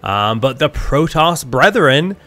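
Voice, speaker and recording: A man's voice: medium pitch, big pitch swings, slow pace, sharp tone. A man giving esports draft analysis, thinking aloud with hesitant restarts as he works through his ideas. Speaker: esports caster.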